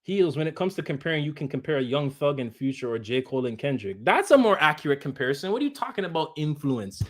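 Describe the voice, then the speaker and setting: Male streamer, high voice, heated combative rant aimed at chat. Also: sing-song, fast. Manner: combative, repetitive, talks straight at chat. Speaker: live streamer.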